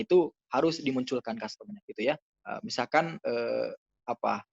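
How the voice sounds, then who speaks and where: A man walks through grammar answers at a middling pitch, patient and chatty, leaning on little fillers as he explains. The sound is dull and dry, close and without room echo. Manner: patient, casual, many fillers and "gitu ya". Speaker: Arabic grammar teacher.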